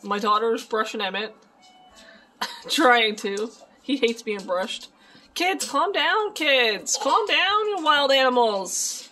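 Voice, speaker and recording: A woman's voice: a little high, animated, slow, sharp tone, faint music behind. Woman cooing baby talk at her pets. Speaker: vlogger and pet owner. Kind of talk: casual home vlog talk to camera and pets. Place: home, indoors.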